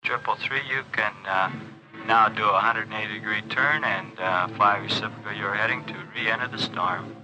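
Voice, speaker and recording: Low male flight controller over radio. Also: highs cut off. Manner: measured, formal radio phrasing. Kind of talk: procedural radio instructions. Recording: 1940s film audio, loud music behind.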